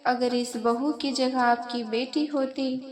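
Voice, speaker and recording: A woman's voice: on the high side, fairly even intonation, slow. A woman voicing an angry young husband who confronts his mother, in a raised and urgent voice. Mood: reproachful.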